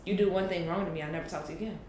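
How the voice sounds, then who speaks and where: Woman, late twenties, lower voice; earnest reflective talker, echoey room. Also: fairly even intonation, a little mellow. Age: 20s. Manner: earnest, thoughtful, drawn-out pauses. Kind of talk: reflective casual chat. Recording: echoey room with faint noise.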